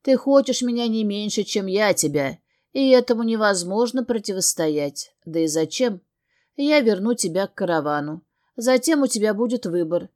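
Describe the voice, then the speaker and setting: A woman's voice: mid-range voice, normal speed, natural voice. Raiven, a woman voicing a smug immortal male suitor. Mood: insistent. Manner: calm, smug, insistent. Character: possessive immortal winged male suitor, self-assured.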